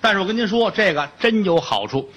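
A man's voice: high-pitched, very animated, fast, fairly bright tone, breathy edge, dull audio, voice pushed up, exaggerated voice. A man voicing a boastful, streetwise male prison inmate in a comic told story. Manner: brash, jokey.

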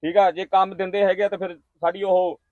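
A man's voice: high voice, level tone, a little fast, no echo, phone-quality sound, natural voice. A young man with a Punjabi accent playing a caught thief, pleading insistently and repeating himself in a staged skit. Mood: insistent, aggrieved.

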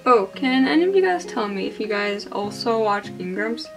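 Hungover young woman chatting over soft music. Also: medium pitch, expressive, moderate pace, gravelly. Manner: hungover, rambling and self-deprecating. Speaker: beauty vlogger. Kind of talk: casual chatty makeup vlog. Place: small indoor room.

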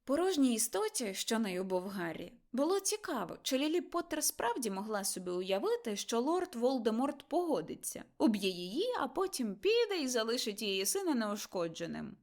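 A woman narrating a dramatic audiobook, expressive and slowing for tense moments. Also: a little high.

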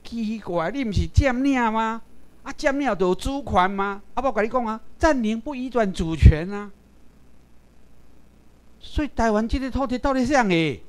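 A man from Taiwan lectures a class in a high voice. His pitch swings widely as he presses his points. He keeps turning to the audience with direct rhetorical questions. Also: animated, normal speed, clean tone.

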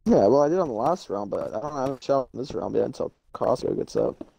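Lively gravelly man laughing between lines. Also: mid-range voice, fast, a little hiss or hum. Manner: easygoing, laughs often. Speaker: gamer on voice chat. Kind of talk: casual chat.

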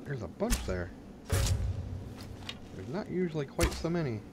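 Hosting a gaming video, this man talks in a casual, plain-spoken way. His voice sits a little high and has a sing-song lilt, and he speaks slowly over clearly audible game ambience.

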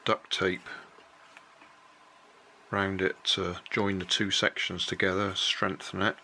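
A man's voice: low-pitched, level tone, takes it slowly, pushed and bright, slight background noise. An older man casually walking through a hobby build at a kitchen table, explaining each step plainly and unhurriedly, correcting himself as he goes.

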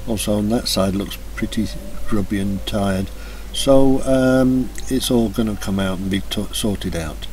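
A man narrating a slideshow of his motorbike restoration in a relaxed, hesitant way, with frequent ums and uhs. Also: fairly low pitch, a little slow, slight background noise. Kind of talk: casual voice-over commentary. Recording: voice-over with music playing behind.

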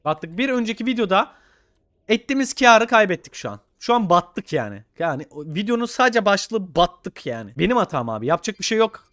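Young man yelling over a game. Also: high-pitched, sing-song, a little fast, dry recording, clean studio sound. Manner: pleading and shouting at the game, swinging from mutters to yells. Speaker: gaming YouTuber. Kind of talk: excited gameplay commentary.

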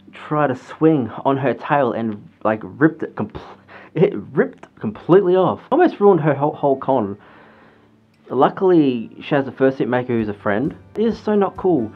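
A man's voice: mid-range voice, lively intonation, moderate pace. A man giving chatty, earnest advice in a casual vlog while talking through a fursuit head. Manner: chatty, earnest, lecturing with restarts. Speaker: fursuit vlogger. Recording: dull lo-fi sound with faint music.

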